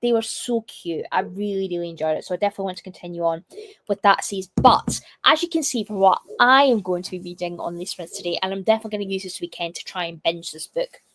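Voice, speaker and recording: A young woman hosting a casual livestream, chatty and full of fillers, her voice still a little croaky from a cough. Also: mid-range voice, quick pace, fairly bright tone. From United Kingdom. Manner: chatty, reads chat comments aloud, many fillers. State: slightly croaky from a lingering cough. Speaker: livestream host.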